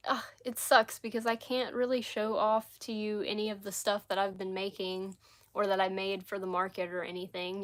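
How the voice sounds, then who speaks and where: A woman talks loosely and casually on a livestream from her living room, her voice a little scratchy. She rambles along, circling back over her thoughts with plenty of fillers, at a pitch that sits in the middle for a woman. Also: a bit bright. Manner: rambling, chatty, frequent "like" and "um". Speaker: crochet livestreamer. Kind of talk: casual live chat.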